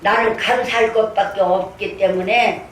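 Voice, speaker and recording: A woman's voice: medium pitch, fairly even intonation, normal speed. An older woman pastor preaching a sermon, earnestly telling her own story and acting out her prayers. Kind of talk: sermon with personal testimony. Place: church sanctuary. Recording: echoey room, distant mic, faint noise.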